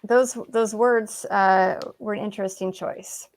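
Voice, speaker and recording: A woman's voice: mid-range voice, fairly even intonation, a little slow. A woman guest, an author, telling her story in a casual interview, chatty with many fillers and acted-out quotes.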